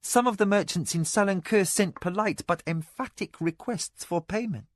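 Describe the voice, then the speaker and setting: A man voicing a composed young noblewoman who answers her husband flatly and with restraint. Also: high voice, moderate pace, no echo, studio quality, voice pushed up, natural voice. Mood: restrained. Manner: flat, controlled, restrained. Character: composed young noblewoman, quietly determined wife.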